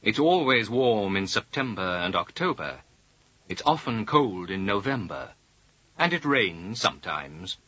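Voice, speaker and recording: Slow, careful man on dull lo-fi audio. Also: lowish voice, sing-song, pushed and bright, dry recording. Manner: slow, careful, clearly spaced delivery. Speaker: language course speaker. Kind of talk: slow scripted course dialogue.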